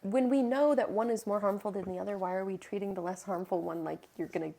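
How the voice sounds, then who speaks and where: A woman's voice: medium pitch, quick pace, gravelly, crowd noise. Chatty woman co-hosting a podcast. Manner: chatty, laughs often, teasing. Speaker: podcast co-host. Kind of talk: casual chat.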